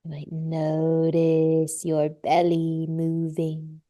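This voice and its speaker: Slow, mellow-voiced woman leading yoga. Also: low voice, monotone. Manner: slow, soothing cues with drawn-out breath prompts. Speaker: yoga instructor. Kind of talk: guided yoga class instruction. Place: live class space.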